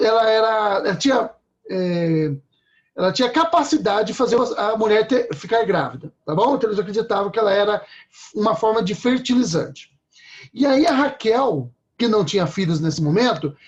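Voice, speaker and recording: Man, preacher, high-pitched voice, chatty sermon, muffled lo-fi recording. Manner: conversational, checks in with "tá?".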